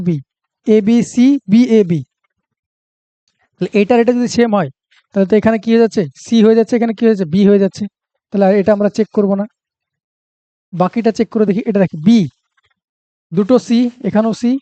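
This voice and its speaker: A man's voice: high-pitched, warm tone, no room sound. A man with a Bengali accent teaching a reasoning lesson for exam prep, talking through each step aloud and checking that students follow.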